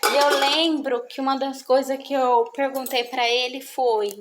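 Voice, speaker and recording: A woman's voice: high voice, level tone, unhurried, very noisy. Earnest woman in an echoey room. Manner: earnest, repetitive, emphatic. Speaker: mother speaking on parenting. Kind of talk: testimonial talk to an audience.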